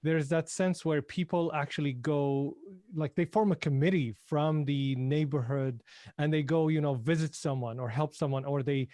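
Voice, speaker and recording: Podcast host, man from Syria, higher voice, reflective, hesitant, dry close sound. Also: fairly even intonation, moderate pace, mellow, dry recording. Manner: engaged, reflective, hesitant restarts. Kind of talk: casual interview talk.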